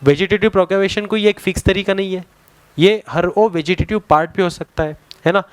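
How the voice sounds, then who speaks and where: A man with an Indian accent teaching a science lesson to a class, mixing two languages, pausing to search for words. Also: high voice, smooth, dry recording. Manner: explains in a Hindi and English mix, spells words out; halting, searches for words with many fillers.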